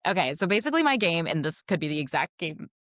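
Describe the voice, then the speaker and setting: A woman's voice: fairly low pitch, quick pace, dry recording, studio quality. A woman in her thirties co-hosting a podcast in casual, chatty talk, laughing often. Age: 30s. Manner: chatty, laughs often, reads lyrics in a flat monotone. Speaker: podcast co-host. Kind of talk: casual chat.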